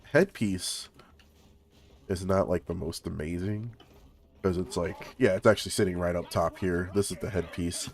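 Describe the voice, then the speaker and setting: A man's voice: low-pitched, fairly even intonation, normal speed. A man hosting a stream, chatting casually while gaming, laid-back and full of fillers. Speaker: stream host.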